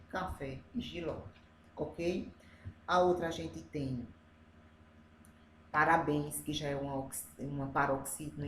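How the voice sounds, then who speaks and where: Brazilian woman teacher, low voice, methodical step-by-step explaining, echoey room with faint background noise. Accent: Brazilian Portuguese. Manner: explains step by step, often adds "né?". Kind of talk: reviewing exercises for adult students.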